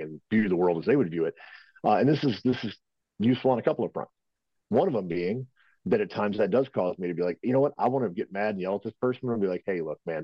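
A man's voice: low voice, no echo, highs cut off. A man being interviewed as a firearms instructor, answering at length in a casual, rambling way with many fillers. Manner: rambling, filler-heavy, conversational. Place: at home.

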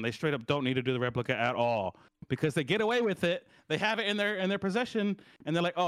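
A man's voice: mid-range voice, fairly bright tone, no room sound. A man co-hosting a casual movie review podcast, rambling and profane, checking in with "right?" as he goes. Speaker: podcast co-host.

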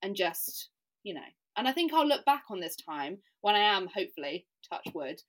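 A woman's voice: medium pitch, sing-song, normal speed. A woman from England, chatting as a podcast guest with plenty of "like" and self-deprecating laughs. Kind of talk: casual podcast conversation.

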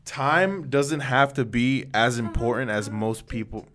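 A man's voice: medium pitch, a little slow, a bit bright, a little hiss or hum. A man co-hosting a casual podcast, earnestly laying out his opinions. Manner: earnest, opinionated, lays out arguments. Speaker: podcast co-host.

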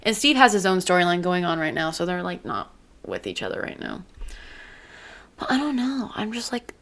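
A woman's voice: on the low side, big pitch swings, normal speed, vocal fry, a bit bright. A woman co-hosting a casual chat, rambling through a comic's plot and acting out the characters' lines as she goes. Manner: rambling retelling, acting out quotes. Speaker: podcast co-host.

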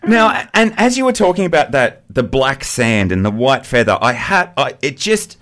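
A man hosting a radio show, chatting eagerly and gushing with excitement. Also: medium pitch, normal speed. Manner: excitable, gushing, laughs often. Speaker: radio host. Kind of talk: enthusiastic casual radio chat.

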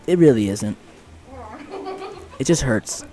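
A man's voice: mid-range voice, animated, slow pace, dark tone. A young man co-hosting a podcast in casual banter, rambling and teasing with lots of fillers. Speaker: podcast co-host.

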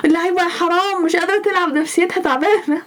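A woman's voice: very high voice, fairly even intonation, racing, fairly bright tone. A woman with an Egyptian Arabic accent co-hosting a casual football chat, dropping in English phrases. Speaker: football podcast co-host.

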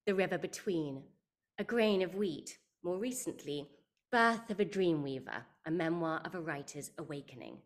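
Woman podcast host, pretty low voice, reading her intro, calm and measured. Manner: measured, clear delivery of a prepared intro.

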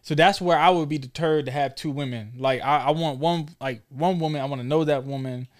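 A man in his thirties hosts a casual talk show, his voice on the high side and brisk. He chats in an informal, slangy way and keeps probing his guest.

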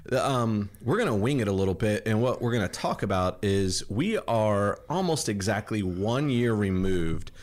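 Chatty low-voiced male podcast host. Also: animated, moderate pace, hardly any pauses. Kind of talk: casual chat. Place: home kitchen.

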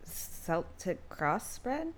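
A woman's voice: lowish voice, sing-song, very slow. A young woman co-hosting a podcast, reading tarot guide instructions aloud with chatty asides and easy laughs. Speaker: podcast co-host.

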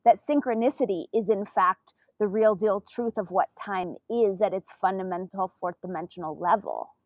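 A woman co-hosting a podcast, engaged and quick to chime in with questions. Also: medium pitch, dry recording. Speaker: podcast co-host. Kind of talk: casual spiritual conversation.

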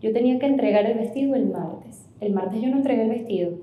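Animated woman telling a story. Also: a little high, quick pace, narrow, tinny audio. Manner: animated, acts out quoted voices, laughs often. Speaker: interview guest. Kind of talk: casual storytelling interview. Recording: echoey room.

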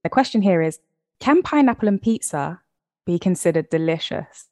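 A woman's voice: fairly low pitch, animated, normal speed, a little mellow. A woman in her thirties hosts a casual podcast. She asks her guest playful, quiz-style questions in an easy, conversational way. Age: 30s. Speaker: podcast host.

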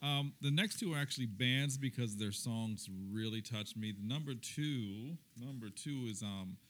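A man's voice: mid-range voice, moderate pace, a bit bright. A man co-hosting a casual chat show, easygoing and joking. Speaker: podcast co-host.

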